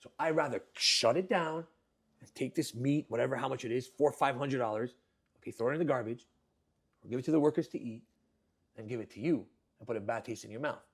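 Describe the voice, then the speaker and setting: A young man talks fast and with energy as a guest in a casual interview. He brings his stories to life by acting out customers and staff. His voice sits at an ordinary, mid pitch. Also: creaky, breathy edge. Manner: animated storyteller, acts out customers and workers. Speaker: restaurant owner guest.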